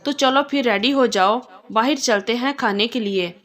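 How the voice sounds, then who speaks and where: Fond playful young husband, read by a woman, somewhat high voice, storybook telling. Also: moderate pace, a bit bright, natural voice. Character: affectionate teasing young husband.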